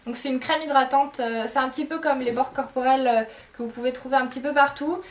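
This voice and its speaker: A woman's voice: high voice, steady tone, fast, recorded from a distance. A woman beauty vlogger chatting casually to camera, hesitant and filler-heavy.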